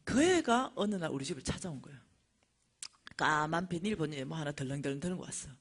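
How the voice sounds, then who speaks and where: A middle-aged woman, lecturing at a church and telling a personal testimony with animated storytelling. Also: sits low, a little fast, husky. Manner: animated storytelling, acting out dialogue.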